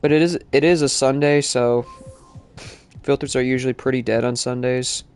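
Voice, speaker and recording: Soft background music plays as a man streams a game live, chatting casually and rambling with plenty of fillers, congested from allergies. His medium-pitched voice is clear and resonant, steady in tone, and moves at a moderate pace.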